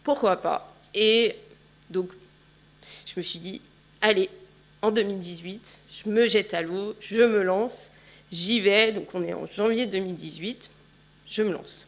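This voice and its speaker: A woman's voice: medium pitch, unhurried, pauses often. A woman in her forties giving a conference talk in a large hall, chatty and full of fillers. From France. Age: 40s. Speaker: conference speaker.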